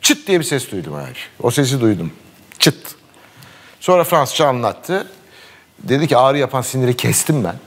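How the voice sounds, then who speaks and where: In a relaxed, casual storytelling chat, a middle-aged sports commentator appearing as a guest tells a long anecdote at a fairly quick clip. His ordinary middle-pitched voice swings widely as he quotes the people in his story, and he laughs often.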